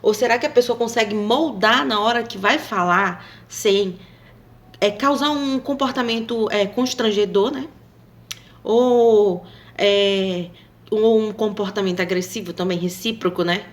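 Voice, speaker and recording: A woman's voice: medium pitch, unhurried. A woman talking casually to camera, rambling and hesitant, with many fillers and tag questions. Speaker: vlogger.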